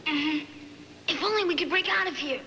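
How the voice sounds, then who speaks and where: A woman's voice: very high voice, normal speed, noisy background. A woman voicing a young captive boy, plucky and urgent, in a dubbed monster film. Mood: urgent, coaxing. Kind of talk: dubbed science-fiction monster film acting.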